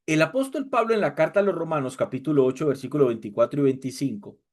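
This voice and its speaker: A man delivers a sermon in a high, lifted voice. He preaches with passion and mocks the worshippers he mimics. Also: lively intonation, fast talker, darkish tone. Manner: impassioned, mocking mimicry of worshippers.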